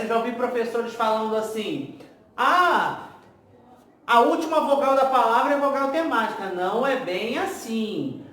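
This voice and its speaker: A man with a Brazilian Portuguese accent teaching a grammar lesson for exam prep. He explains step by step and keeps checking in with the students. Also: high-pitched. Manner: explanatory, repeats "tá?" to check understanding. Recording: very echoey room, faint ambient noise.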